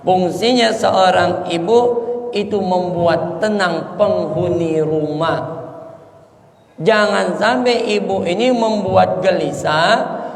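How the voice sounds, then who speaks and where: A high-voiced man. He is animated and slips into little voices to act out family scenes. His voice rings with the long reverb of a large hall. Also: slow, gravelly. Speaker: preacher. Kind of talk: religious lecture to a congregation.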